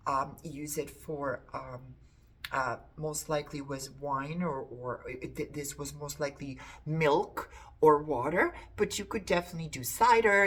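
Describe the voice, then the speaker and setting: ゆったり話す低めの声の女性. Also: female voice, low-pitched, a bit bright. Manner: chatty, repeats words for emphasis. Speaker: antiques reseller showing a haul. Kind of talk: casual chat to camera.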